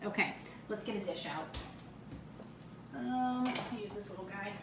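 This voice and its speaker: A woman's voice: medium pitch, a little slow, roomy sound, heavy background noise. A woman hosting a casual cooking demo in her home kitchen, gushing over the food as she cooks and tastes it. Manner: gushing, enthusiastic food descriptions. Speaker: cooking show host.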